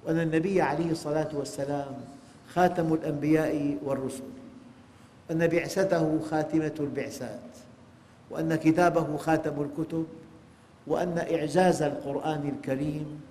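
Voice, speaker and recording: A man's voice: fairly high pitch, fairly even intonation, brisk, dark tone, a little hiss or hum. Emphatic preaching man in echoing hall. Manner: emphatic preaching, rhetorical questions to listeners. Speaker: sheikh giving Quran exegesis. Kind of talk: religious lecture. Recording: long hall reverb.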